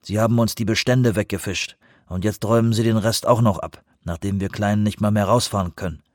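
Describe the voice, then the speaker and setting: A man's voice: fairly low pitch, steady tone, a little fast, no room sound, clean studio sound, lightly acted. A man voicing a bitter middle-aged fisherman who growls his words bluntly.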